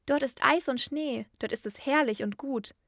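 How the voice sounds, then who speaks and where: A woman's voice: sits high, normal speed, fairly bright tone, no echo, studio quality, voice pushed up. A woman voicing a tethered reindeer, proud and longing for its snowy home, in a storybook reading. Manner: wistful, boastful.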